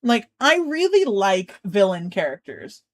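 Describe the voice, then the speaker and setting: A woman hosting a relaxed stream, her pitch bouncing widely as she rambles through her opinions. She giggles often and swears without a filter. The sound is dry and close. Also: unhurried, no room sound. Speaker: streamer host. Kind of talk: casual chat, ranking characters.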